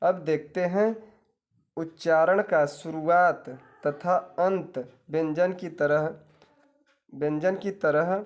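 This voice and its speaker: Hindi grammar teacher, slightly high voice. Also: male voice, fairly even intonation, takes it slowly, lo-fi sound. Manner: repeats points as questions and answers them; addresses viewers directly, tells them to take notes. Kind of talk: exam-prep grammar lesson.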